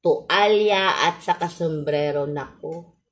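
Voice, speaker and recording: A Filipino woman with a low-pitched voice chats casually to her viewers. Her speech is slow and halting, shaped by missing front teeth. She is polite and often repeats her words. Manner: polite, halting, with frequent repetition. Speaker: vlogger.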